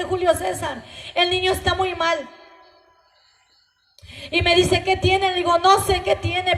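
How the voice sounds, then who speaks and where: Woman, Mexican Spanish accent, very high voice, earnest emotional testimony, echoey room, soft music behind. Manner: emotional, earnest storytelling to a congregation. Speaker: testimony speaker at a church gathering. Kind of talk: spoken testimony.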